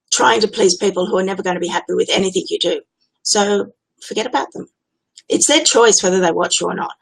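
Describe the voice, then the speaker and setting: An Australian woman speaking in a slightly low voice, coaching her viewers live on stream. She talks off the cuff, chatty and blunt, and says exactly what she thinks. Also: gravelly, poor audio. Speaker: business coach hosting a Facebook Live challenge. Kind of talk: unscripted live-stream talk.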